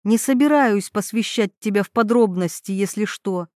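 A woman voicing a tough, defiant young woman who speaks in blunt, hoarse threats. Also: medium pitch, moderate pace, darkish tone, dry recording, studio quality, close to an everyday voice. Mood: fierce angry.

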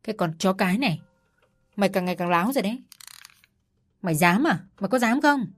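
A woman voicing a furious old mother-in-law who shouts coarse insults, with soft music behind. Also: medium pitch, animated, fast, lightly acted. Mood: furious scolding.

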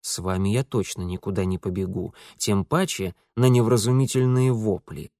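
Man playing unflappable young man, deadpan, sarcastic, audiobook. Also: on the low side, moderate pace, no echo, studio quality, pitched below the performer's own voice, lightly acted.

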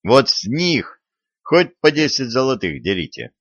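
A man voicing an eager young man who pitches his plans in a brisk, raised voice. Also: sing-song, a bit bright, slightly rough, dry recording, full character voice. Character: eager young man, bold schemer, upbeat. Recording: dry, dull lo-fi audio.

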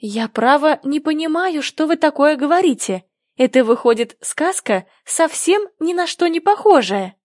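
A woman's voice: high voice, animated, moderate pace, hardly any pauses, a little mellow, dry recording, studio quality, pitched above the performer's own voice. A woman reading the part of a polite, earnest young girl in a storybook who takes offense easily. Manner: prim, earnest.

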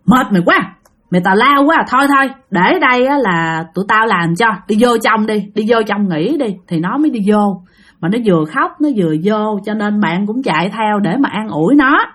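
A woman's voice: fairly high pitch, a bit bright. A woman telling a ghost story in a conversational way, addressing listeners directly and repeating phrases for emphasis.

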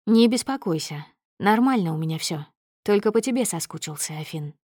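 A smug, careless young man from an audiobook, as a woman narrator lowers her voice for him. He talks in a low, offhand, coaxing way, recorded dry and close. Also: lively intonation, brisk, a little mellow, husky, no echo.

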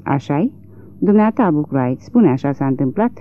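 Un bărbat care dă glas unui judecător bătrân și fragil, neliniștit și ezitant. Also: male voice, on the high side, lively intonation, close to an everyday voice. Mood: weary. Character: old, frail, troubled country judge. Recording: tinny lo-fi narrow-band recording.

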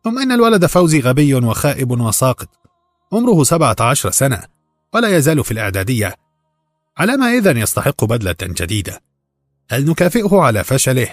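A man voicing a stingy middle-aged Egyptian husband who speaks calmly and sarcastically, with a husky voice. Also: mid-range voice, quick pace, no echo, clean studio sound, faint music behind, voice pushed up. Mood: lecturing. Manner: calm, dismissive, sarcastic.

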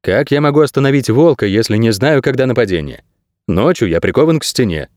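An irritable male shapeshifter stuck in a human body, snapping short sharp questions, as the narrator plays him. The voice stays close to the man's own, with a lively pitch. The sound is dry and close to the microphone. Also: brisk, no room sound, natural voice. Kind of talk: audiobook character voice.

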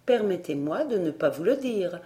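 A woman reading the lines of a serene fairy governess in a storybook, in a calm, measured way. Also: fairly low pitch.

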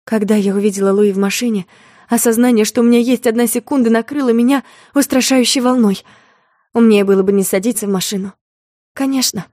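Woman reading a dramatic story, soft low intimate voice, dry close mic. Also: fairly even intonation, a little fast, no room sound. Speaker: audiobook reader. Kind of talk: dramatic first-person story narration.

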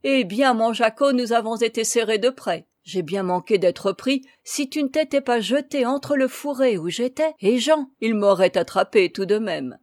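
A woman's voice: a little high, animated, normal speed, hardly any pauses, darkish tone, dry recording, clean studio sound, lightly acted. A woman voicing a jovial, doting father in a storybook reading, speaking in a hearty, teasing way.

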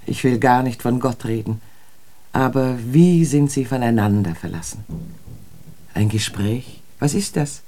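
In a literary radio drama, an actress voices a disillusioned, educated woman, speaking in a measured, poetic, pensive manner. Her very deep, mellow voice carries a somber, reflective mood.

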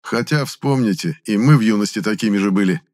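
A man voicing a polite, formal older male official with a measured, courteous manner. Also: on the low side, darkish tone, lightly acted.

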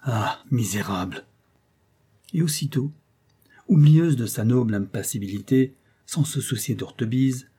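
A man narrating a classic novel as an audiobook, in a measured, expressive storytelling manner. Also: lowish voice, slightly rough.

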